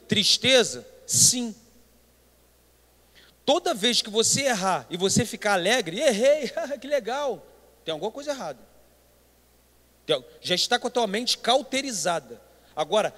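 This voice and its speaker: A man's voice: high voice, fairly bright tone. A Brazilian man, a pastor, preaching a Sunday school sermon with emphatic delivery, often addressing the listeners as brothers. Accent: Brazilian Portuguese. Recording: long hall reverb.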